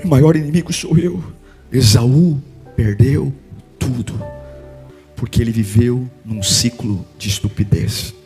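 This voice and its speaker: A man with a Brazilian Portuguese accent, preaching a sermon as a pastor, shouting and chanting at times and dropping to a low, quiet appeal at others. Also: slow pace, soft background music.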